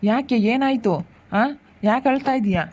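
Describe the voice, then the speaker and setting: A woman's voice: fairly high pitch, unhurried, a little mellow, slight background noise, natural voice. A woman playing a stubborn young husband who refuses to leave, speaking insistently. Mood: firm refusal. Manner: insistent, questioning.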